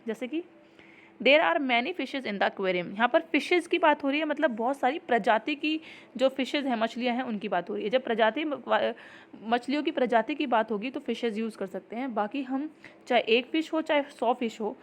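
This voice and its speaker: A woman teaching an exam-prep grammar lesson, explaining patiently and reading example sentences slowly. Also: a little high, expressive.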